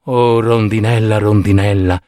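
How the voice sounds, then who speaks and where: A man voicing a sad, kind prince in a storybook, speaking softly and sorrowfully. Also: on the low side, steady tone, measured pace, no echo, clean studio sound, voice pushed down, natural voice. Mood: tender. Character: sad, kind statue prince, gentle and giving.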